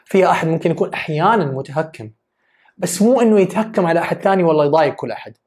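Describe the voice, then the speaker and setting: Woman rattling off a self-help talk, quick and emphatic. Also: lowish voice, lively intonation, a little mellow. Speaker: self-development speaker. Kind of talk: motivational talk.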